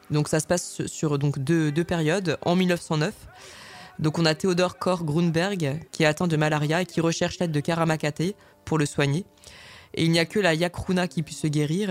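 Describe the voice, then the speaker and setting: A man presenting film trailers on a radio show, speaking in a hesitant way with frequent filler sounds and restarts. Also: a little high.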